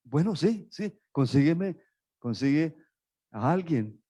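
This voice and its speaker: Male preacher doing a gracious, gentle royal woman, slightly raised pitch. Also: animated, slow pace. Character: gracious Egyptian princess, kind and commanding.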